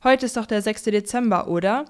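A woman voicing an excited, cheeky young boy in a children's story. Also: fairly high pitch, brisk, close to an everyday voice.

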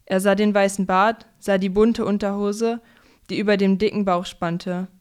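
Clear-voiced woman reading a story. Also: mid-range voice, fairly even intonation, normal speed.

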